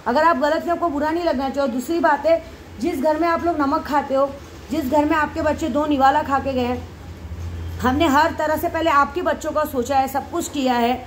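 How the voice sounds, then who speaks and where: A high-pitched woman carrying talks straight to her followers. She goes round in circles, emotional and repetitive. Faint background noise sits under her voice. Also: steady tone, brisk, low-quality recording. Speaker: devotee leading night prayers. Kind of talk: casual monologue to followers.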